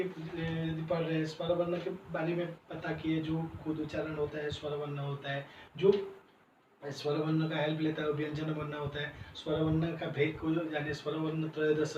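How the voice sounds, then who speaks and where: A man teaching as a Sanskrit teacher, slowly explaining each point in Sanskrit and then again in Hindi. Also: on the high side. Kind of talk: classroom lesson. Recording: roomy, distant, dull sound with faint noise.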